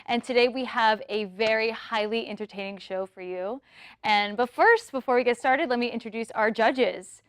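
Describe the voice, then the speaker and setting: A woman's voice: on the high side, moderate pace, dry recording, lightly acted. A woman playing an upbeat female talent-show host who introduces the judges and the acts. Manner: upbeat presenter patter.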